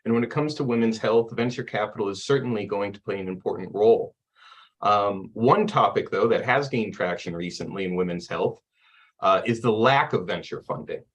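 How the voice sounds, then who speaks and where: A man's voice: fairly low pitch, moderate pace. A man moderating a panel, polite and organized as he hands over to speakers and sets out questions. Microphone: video call.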